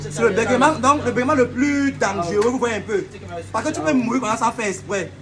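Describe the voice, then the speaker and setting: A man's voice: very high-pitched, a little fast, a loud crowd. A man hosting a casual comedy video, playfully explaining things and acting out every example himself. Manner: playful, acts out examples with stuttering.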